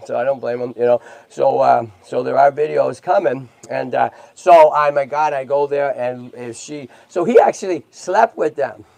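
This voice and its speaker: A man's voice: mid-range voice, moderate pace, creaky, a little mellow, no echo. A man hosting a tortoise rescue livestream in casual chat, talking in a chatty way and checking in often with "right?" and "okay?".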